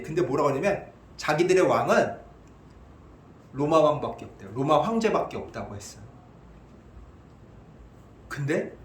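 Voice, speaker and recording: A male pastor preaches in a church sanctuary with a high, lively voice that leaps up and down. The sound rings around the echoey hall. He keeps asking his listeners questions and answering them himself. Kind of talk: expository sermon.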